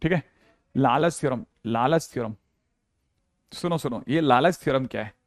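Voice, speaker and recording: A man's voice: mid-range voice, normal speed, no room sound, clean studio sound. A man teaching a maths class, playful and repetitive, talking straight to his students. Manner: playful, repeats key phrases, addresses students directly. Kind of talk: classroom lecture.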